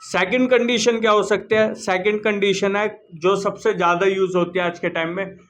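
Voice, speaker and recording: High-voiced man lecturing on law. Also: steady tone, fairly bright tone. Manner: mixes Hindi with English legal terms, reads statute text slowly. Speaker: law teacher. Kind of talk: classroom lecture.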